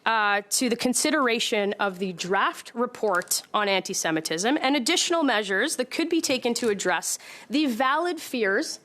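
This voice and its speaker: A woman's voice: a little high, lively intonation, fairly bright tone. Insistent woman speaking at a committee hearing. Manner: halting, repeats words, insistent. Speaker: member of parliament. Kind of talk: committee debate. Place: parliamentary committee room.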